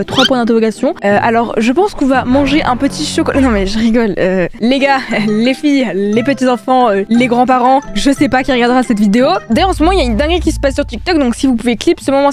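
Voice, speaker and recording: A young woman YouTuber chatting casually to her viewers, full of fillers and sudden exclamations. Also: sits high. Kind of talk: casual vlog chat answering viewer questions.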